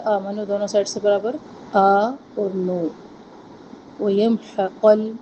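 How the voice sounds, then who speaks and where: Dark, flat-voiced woman teaching tajweed. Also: mid-range voice, a little hiss or hum, poor audio. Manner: recites a phrase slowly, then explains rules quickly. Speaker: Quran recitation teacher. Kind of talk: tajweed lesson, recitation with rule explanations.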